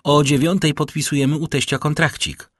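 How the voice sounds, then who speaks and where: A man reading an audiobook, voicing a greedy, excited young social climber who brags a lot. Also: fairly high pitch, a little fast, no echo, studio quality, pitched above the performer's own voice. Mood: eager. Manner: bright, excited, boastful.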